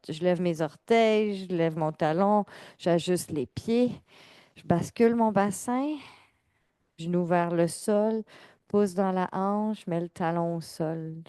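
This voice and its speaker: A woman fitness instructor, giving calm, measured exercise cues and counting reps. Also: fairly low pitch, smooth, no room sound. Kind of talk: guided exercise class cues.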